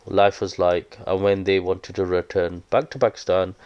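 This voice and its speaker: Man, smooth low voice, earnest vlog commentary. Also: flat delivery, moderate pace, a little mellow, dull audio. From Britain. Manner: earnest, explanatory, with hesitant fillers. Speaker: vlogger.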